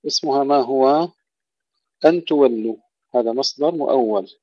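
A man teaching tajweed, reciting verses slowly and then explaining the rules plainly to his listeners. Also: mid-range voice, warm tone, no room sound. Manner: addresses listeners as brothers. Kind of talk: tajweed lesson with recited examples. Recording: dry, dull lo-fi recording.

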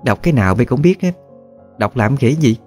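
A man's voice: medium pitch, lively intonation, brisk, darkish tone, faint music behind, pitched above the performer's own voice, natural voice. A man voicing an old grandmother ghost, blunt and scolding. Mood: grumbling. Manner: blunt, scolding rustic talk.

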